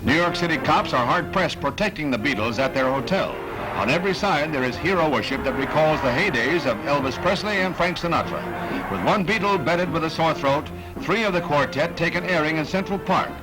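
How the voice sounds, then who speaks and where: An old 1960s newsreel narrator, a man with a fairly high voice, delivers every line in a punchy announcer style laced with jokes. Loud music plays under him throughout. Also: lively intonation, fairly quick, low-quality recording. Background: loud music bed.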